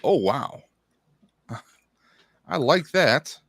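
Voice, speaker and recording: A man playing a tabletop game, talking in character as a customer, halting and rambling, with many fillers. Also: medium pitch, animated, vocal fry, fairly bright tone, husky, no room sound, studio quality. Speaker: player. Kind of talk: in-character roleplay.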